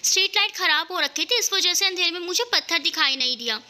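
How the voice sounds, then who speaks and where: A woman's voice: very high-pitched, lively intonation, fast, pushed and bright, heavily acted. A woman voicing a playful young woman who is sulky and whiny. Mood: tearful. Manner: whiny, pouting.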